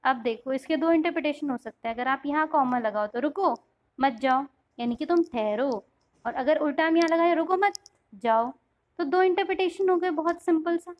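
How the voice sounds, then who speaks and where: A woman's voice: high-pitched, a little fast, rough recording. A young woman teaching a lecture class, switching between Hindi and English and explaining ideas through simple everyday examples.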